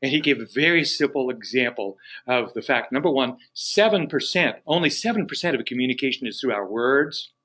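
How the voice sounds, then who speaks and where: A man's voice: medium pitch, expressive, a little fast, bright, forceful tone, low-quality recording. A man leading a live training webinar for real estate agents, talking in a folksy, encouraging, conversational way.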